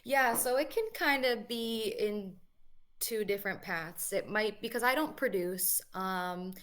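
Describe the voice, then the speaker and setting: A young New England woman, a guest musician, answers interview questions over a video call. She's relaxed and chatty, full of fillers, with a mid-range voice and an unhurried pace.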